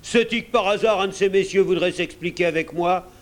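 A man playing a crafty old one-legged pirate cook in a storybook reading, pitched high above a plain reading voice. He blusters and threatens in coarse sailor's talk, loud and domineering. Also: unhurried, slight background noise, lightly acted. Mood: thundering.

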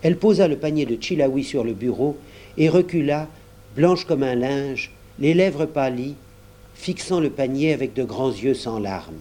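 A man reading a storybook aloud in a measured, unhurried storytelling manner. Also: mid-range voice, dark tone. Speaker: audiobook narrator.

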